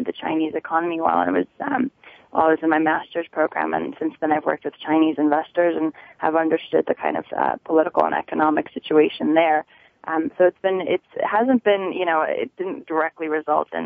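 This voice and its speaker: A woman in her thirties from Connecticut, speaking haltingly and conversationally as a guest in a radio interview. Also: low voice, vocal fry, dry recording. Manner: hesitant, halting delivery. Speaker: real estate agent, interview guest. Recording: tinny telephone line.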